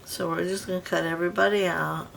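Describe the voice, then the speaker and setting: A woman's voice: lowish voice, fairly even intonation, fast, vocal fry, noisy background. A woman vlogging casually from her home craft room, rambling and chatty as she works on a project. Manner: rambling, chatty, with many restarts. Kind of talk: casual crafting chat while working.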